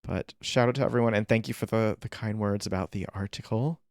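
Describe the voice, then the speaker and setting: A man's voice: fairly low pitch, steady tone, fairly quick, darkish tone, no echo, clean studio sound. A man co-hosting a casual pop-culture podcast, chatting playfully in campy pop-fan slang. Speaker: podcast co-host.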